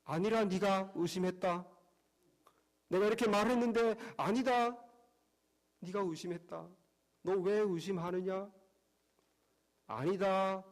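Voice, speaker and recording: A pastor voicing God in a sermon as a calm, patient figure, speaking slowly, lower and gently reassuring. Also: male voice. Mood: solemn reassurance. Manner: slow, measured, gently reassuring.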